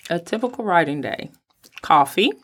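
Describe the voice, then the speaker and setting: A woman with a hoarse voice, sick lately, talking casually and emphatically as an interview guest about her own work. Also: fairly low pitch, expressive, moderate pace, a bit bright. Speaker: podcast guest, writer.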